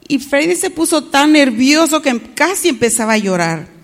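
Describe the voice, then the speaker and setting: A woman's voice: high-pitched, moderate pace, long reverb tail. A woman telling a story to children, often stopping to ask them questions. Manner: asks the children questions, animated.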